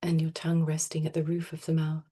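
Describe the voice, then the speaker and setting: A woman meditation teacher guides a practice in a low, mellow, husky voice. She speaks softly and soothingly, keeping her pitch very level, and leaves long, unhurried pauses between instructions.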